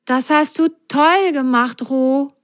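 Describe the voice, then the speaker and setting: A woman voicing a cheerful, polite little sock in a children's story, speaking in an excited, warm-hearted way. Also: sits high, slow, no echo, studio quality, pitched above the performer's own voice.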